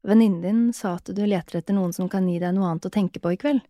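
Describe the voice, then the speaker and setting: A woman doing a calm, teasing male stranger. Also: dry recording, clean studio sound, natural voice. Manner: low-key, teasing questions. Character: calm, self-assured young male stranger.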